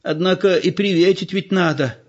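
A man's voice: high voice, normal speed, voice pushed up. A man voicing a fussy, frightened old village woman who frets and wails, on a dull lo-fi recording. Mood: fretting. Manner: fretful, wailing.

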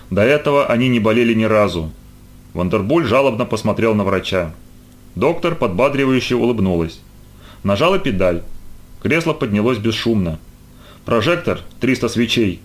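A man narrating a story for an audiobook in a measured, expressive reading. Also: on the low side.

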